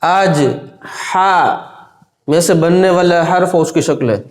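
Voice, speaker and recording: A man teaching a children's lesson on Arabic letters, asking the same questions again and again and calling for the answers out loud. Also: sits high, steady tone, slow. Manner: repeats questions, prompts pupils to answer loudly. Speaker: Quran reading teacher.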